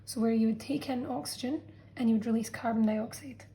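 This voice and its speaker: Patient and explanatory, a woman science teacher guides students through a revision lesson drawn out on a diagram, frequently pausing to check in. Her voice, a touch high, is mellow and warm with fairly even intonation, giving a friendly classroom feel, but the audio is poor.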